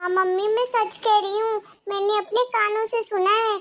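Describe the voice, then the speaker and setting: A woman's voice: very high voice, steady tone, normal speed, fairly bright tone. A woman voicing a scheming, jealous little girl who tattles on her older sister in a cartoon, in a whiny, pleading, childish voice. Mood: tattling, whiny.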